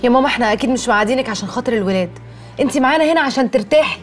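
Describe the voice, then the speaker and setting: Actress doing a young egyptian wife, high voice, talks a mile a minute, coaxing. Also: female voice, animated, rapid-fire, soft background music, natural voice. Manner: coaxing, soothing, mildly reproachful. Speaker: wife and daughter.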